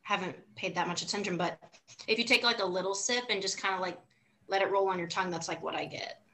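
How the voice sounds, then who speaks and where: A woman with a bright, sharp-edged voice chats casually on a podcast. She rambles and laughs as she hunts for the right words to describe a drink. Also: mid-range voice, fairly even intonation, fast, a little hiss or hum, low-quality recording. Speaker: podcast co-host. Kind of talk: casual chat.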